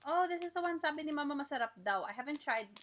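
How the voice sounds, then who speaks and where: A 27-year-old woman, casually unboxing gifts on a tablet mic, excitable and mixing Tagalog into her English while getting over a sore throat. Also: high-pitched, very fast. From Philippines. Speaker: vlogger. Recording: crinkling packaging noise close by.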